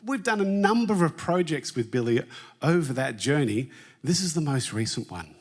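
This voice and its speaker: A man's voice: a little high, big pitch swings, moderate pace. A man giving a jokey, chatty talk on a conference stage and quizzing the live audience. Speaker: conference presenter.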